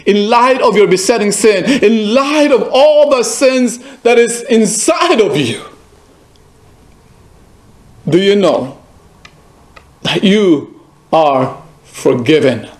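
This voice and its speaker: Guy preaching a sermon, high voice, slow and emphatic, echoey church room. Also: big pitch swings. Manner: emphatic, repeats phrases, asks the listener direct questions. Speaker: pastor.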